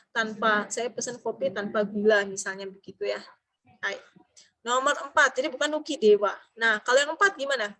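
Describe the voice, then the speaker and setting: Teacher, female, high-pitched, patient quizzing style, reads examples aloud. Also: a bit bright, poor audio. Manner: asks students questions, mixes in Japanese example sentences. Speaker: Japanese grammar teacher. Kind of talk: online class teaching.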